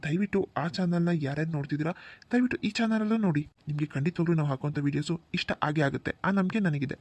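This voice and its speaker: A man's voice: on the high side, quick pace, a little mellow. A man who makes a cartoon channel, casually and repeatedly asking viewers to like, share and support it. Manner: pleading, friendly, repetitive. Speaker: channel creator.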